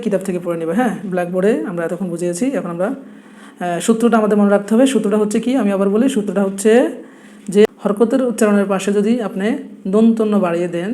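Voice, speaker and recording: A man's voice: high-pitched, dark tone, a little hiss or hum. A young man with a Noakhali Bengali accent, teaching a blackboard lesson and patiently repeating each point with rhetorical questions. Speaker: Quran teacher.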